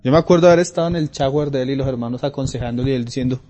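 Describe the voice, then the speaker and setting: A man preaching a sermon, talking through Bible passages and reading scripture louder. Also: medium pitch, rapid-fire. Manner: conversational Bible teaching, rising loud for scripture readings.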